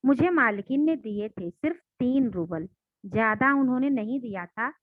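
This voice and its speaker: Brief: timid young governess close to tears, read by a woman teacher, soft and trembling, dry phone-line recording. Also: on the high side, expressive, normal speed, dry recording. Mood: timid, tearful. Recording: dry, tinny phone-like sound.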